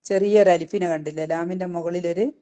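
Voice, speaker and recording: A woman teaches a recitation class and explains each rule patiently. She keeps checking in with "okay?" between points and slows down to recite short phrases. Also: lowish voice, fairly even intonation, mellow. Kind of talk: recitation lesson.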